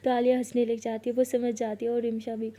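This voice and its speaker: Mellow-voiced woman telling a story. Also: on the high side, flat delivery. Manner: conversational, loosely paced retelling. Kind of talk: casual storytelling narration.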